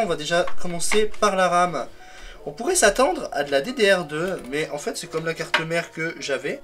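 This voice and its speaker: A French-speaking man who makes tech videos rambles through a casual, hands-on vlog, correcting himself often and leaning on "donc." His voice is on the high side with a fairly bright tone.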